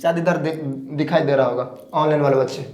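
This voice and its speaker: A male teacher with a Bihari Hindi accent, giving a classroom lecture in a lively, joking, repetitive way. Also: fairly high pitch, fairly quick, echoey room.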